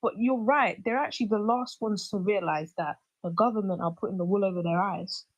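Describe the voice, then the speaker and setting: A woman's voice: medium pitch, fairly quick, no echo, muffled recording. A woman giving her opinion casually and plainly as a guest on a livestream panel.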